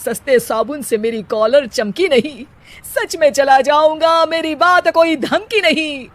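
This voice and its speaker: A woman's voice: high voice, unhurried. A woman voicing an idle, cocky young husband who declaims theatrically in rhymed couplets. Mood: showy, defiant. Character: idle, cocky young husband obsessed with silly rhyming poetry.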